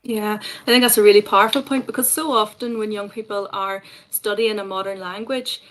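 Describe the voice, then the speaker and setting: A woman's voice: medium pitch, steady tone, a little fast. A woman speaking as a guest at an education webinar, chatty and enthusiastic. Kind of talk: casual webinar discussion.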